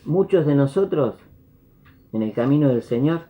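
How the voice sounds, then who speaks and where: Over dull, lo-fi video call audio, a preacher with a Rioplatense Spanish accent tells a parable, voicing the characters' lines with animation. His pitch is fairly high and his pace moderate.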